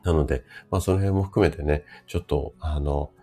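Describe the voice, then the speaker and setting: A man in his fifties with a rough, hoarse voice, chatting casually as host of a live stream and explaining things to his listeners. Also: rumbling low, moderate pace, warm tone, soft background music. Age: 50s. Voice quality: gravelly, rough voice from drinking the night before.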